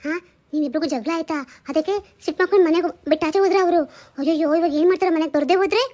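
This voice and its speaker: A woman's voice: extremely high pitch, a little mellow, muffled recording. A woman voicing a nosy female neighbour who pries with mock sympathy. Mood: prying. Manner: prying, quick and mock-sympathetic.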